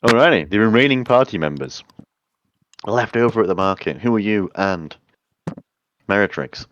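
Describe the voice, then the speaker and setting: A man's voice: on the low side, animated, normal speed, a bit bright, no echo, dull audio. A man running a tabletop game as game master, narrating and chatting in an informal, sweary way.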